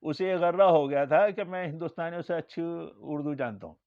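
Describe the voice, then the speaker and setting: A male Islamic scholar with a somewhat high voice gives a religious lecture, telling stories and acting out the dialogue. The recording is dull and lo-fi, with a dry sound and no room echo. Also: fairly even intonation. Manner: storytelling, acts out dialogue in quoted lines.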